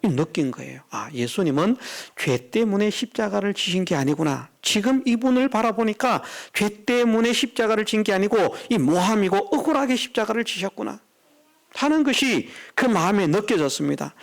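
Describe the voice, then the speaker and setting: An animated male pastor delivering a sermon, his pitch sitting a little high and swinging widely. He acts out quoted voices as he preaches. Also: gravelly.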